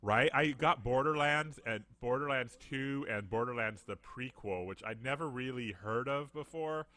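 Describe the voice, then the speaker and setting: A man hosting a casual video-call chat, animated and jokey, slipping into mock voices. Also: medium pitch, normal speed, no echo. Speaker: podcast host.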